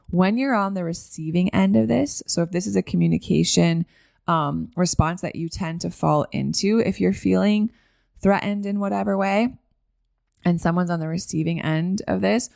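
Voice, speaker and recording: A woman hosting a solo podcast, talking casually and often checking in with a quick "right?" and plenty of "like" fillers. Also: on the low side, vocal fry, a little mellow, no room sound, clean studio sound. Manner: conversational, tags many points with "right?"; frequent "like" fillers. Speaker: podcast host.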